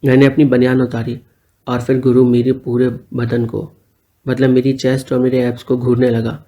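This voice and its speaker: A man's voice: mid-range voice, monotone, normal speed, mellow. A young man narrating a first-person story in a plain, conversational way.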